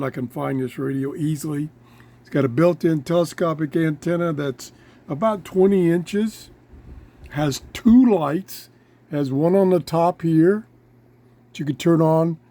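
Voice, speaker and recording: A relaxed man with a mellow voice, slightly higher than most men's and touched with vocal fry, walks through a casual hands-on product demo. He talks slowly in short, halting pieces, stopping to think, in the style of a homemade review-show host.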